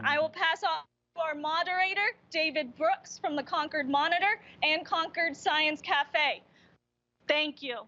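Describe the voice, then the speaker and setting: A woman's voice: high-pitched, sharp tone. A woman representing a science center, delivering a scripted, formal speech at an event. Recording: dull, band-limited event audio feed.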